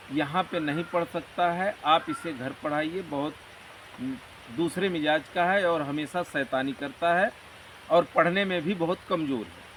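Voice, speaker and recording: Man, higher-pitched, earnest motivational talker, recorded a bit off-mic with faint hiss. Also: fairly bright tone. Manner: earnest, motivational, rambling explanations. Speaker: interview guest. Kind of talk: conversational interview. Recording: distant mic with faint background noise.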